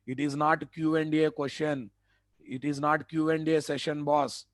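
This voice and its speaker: A web development instructor with a Telugu-accented Indian English voice gives a live online lecture to students. His pitch is fairly high and his tone level, delivered at a measured pace in a dry, clean studio recording. He is emphatic and repetitive, often checking in with rhetorical questions.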